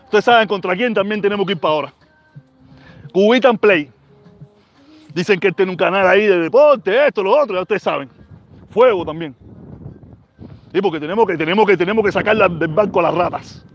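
A man's voice: sits high, fairly quick, long pauses, dull audio, soft background music. A Cuban man with a Cuban accent, ranting heatedly on his channel, repeating himself and reading out viewer comments. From Cuba. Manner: angry, repetitive, street slang. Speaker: channel host.

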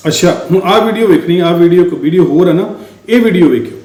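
A man with a slightly high voice gives a casual commentary vlog in an echoey room indoors. He addresses his viewers directly and repeats himself to drive each point home. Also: fast talker, darkish tone, faint music behind. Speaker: vlogger commenting on viral videos.

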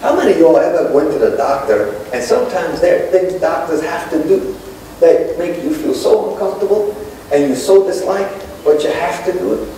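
A man's voice: fairly high pitch, animated, normal speed, warm tone, a little hiss or hum. A middle-aged man preaching a sermon from the pulpit to his congregation, calling out to them as he gestures. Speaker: pastor. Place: church sanctuary with congregation. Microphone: pulpit microphone, filmed from far back. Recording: echoey church from a distance.

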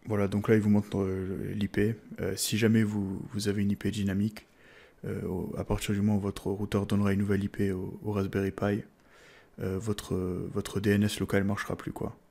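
A man's voice: fairly low pitch, monotone, a little fast, gravelly, mellow. A man with a French accent explaining a tech install in a casual tutorial, hesitant, with many fillers and restarts. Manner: hesitant, many "euh" fillers and repeated words. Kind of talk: casual screen-recorded tutorial.

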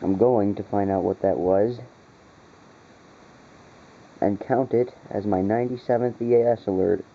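Pausing often, a man with a lowish voice and fairly even intonation talks at a measured pace, irritated and swearing freely in casual commentary for his viewers. He's a hobbyist filming weather radio alerts from behind a handheld camera at a computer in a dark indoor room. Expect muffled, lo-fi camera audio with noise.

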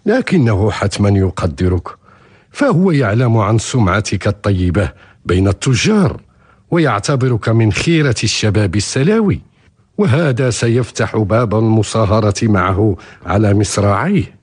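An actor playing an older, pious merchant father in a historical radio drama, speaking formally and persuasively with a husky voice. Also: fairly low pitch, expressive, moderate pace, darkish tone. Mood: coaxing. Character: older merchant father, ambitious, pious, coaxing his son.

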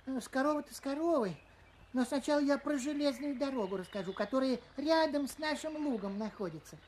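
An actor playing a chatty, eager little male grasshopper in a children's audio story, hesitant and rambling in an excitable way. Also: a little fast, a little hiss or hum, lightly acted. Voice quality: high-pitched, small voice.

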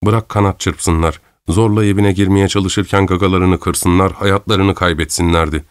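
Deep-voiced male audiobook narrator. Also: fairly even intonation, smooth, no echo. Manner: measured, dramatic storytelling, voicing characters' lines lightly.

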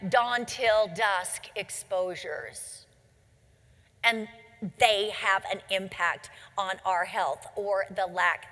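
A woman's voice: medium pitch, pushed and bright, long reverb tail. A woman giving a motivational talk as a company founder, telling stories emphatically and asking rhetorical questions. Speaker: company founder speaking to distributors.

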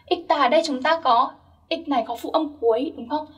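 High-voiced young woman teaching grammar. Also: fairly quick, distant mic, highs cut off. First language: Vietnamese. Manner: patient, checks in with listeners often. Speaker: Korean language teacher. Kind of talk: explaining grammar step by step.

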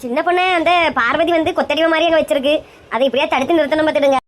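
A woman's voice: sits high, very fast, pitched below the performer's own voice, lightly acted. Woman doing a bossy mother-in-law with a Kanyakumari accent. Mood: pleading. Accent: Kanyakumari Tamil. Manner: scolding, bossy. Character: bossy scheming middle-aged mother-in-law. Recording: noisy recording.

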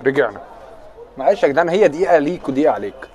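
A man's voice: on the high side, expressive, racing, darkish tone, some chatter behind. A young man with an Egyptian accent chatting on a casual live stream, answering viewer comments in a joking, teasing way. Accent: Egyptian Arabic.

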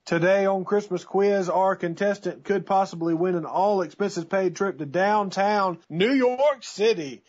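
A man playing a showy, upbeat radio quiz co-host in a booming prize announcer manner. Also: a little slow, hardly any pauses, a little mellow. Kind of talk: scripted radio game-show patter. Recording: dull lo-fi prank call audio.

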